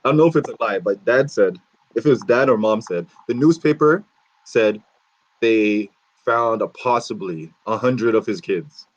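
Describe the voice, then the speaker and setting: A man's voice: lowish voice, normal speed, highs cut off. A man co-hosting a casual podcast chat, telling stories in slang and laughing often. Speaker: podcast co-host.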